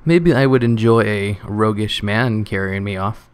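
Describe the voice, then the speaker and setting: A man's voice: on the low side, measured pace, clear, resonant tone, lightly acted. A man reading the curt, cold lines of a middle-aged sitcom wife.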